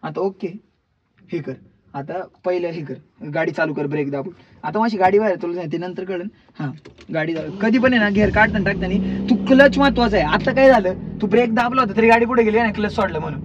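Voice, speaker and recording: A man's voice: high voice, brisk. A man from Maharashtra coaching a driver from the passenger seat, repeating short, bossy commands over and over. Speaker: driving instructor. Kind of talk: casual in-car coaching. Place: inside a car on the road. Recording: muffled, with loud road noise.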